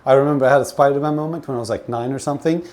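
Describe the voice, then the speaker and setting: Over the clear sizzle of frying food and kitchen background sounds, a man chats on a livestream while cooking at home in Sweden. His pitch is medium, and his personal stories ramble and falter, laced with swearing. He grew up multilingual, with a first language other than Swedish.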